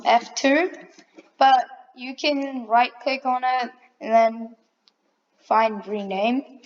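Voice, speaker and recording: A woman walks through a building tutorial in a high, unhurried voice. She chats casually and corrects herself as she goes. The recording is dull and lo-fi. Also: slight background noise. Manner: relaxed, self-correcting, chatty asides. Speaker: tutorial maker.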